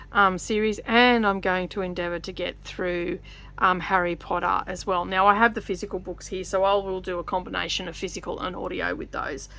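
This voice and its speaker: A woman chatting casually as she stitches, wandering from point to point with lots of fillers and restarts. Her pitch sits in an ordinary middle range, and every so often she breaks off to count stitches. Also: fairly bright tone. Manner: rambling, with many fillers and restarts. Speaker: vlogger. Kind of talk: casual chat while stitching.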